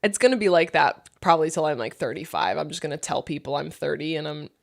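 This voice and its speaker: Early-thirties woman, casual podcast co-host, lower pitch, chatty and full of asides. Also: fast talker, creaky. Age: 30s. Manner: chatty, lots of "like" and quoted asides. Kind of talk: casual chat.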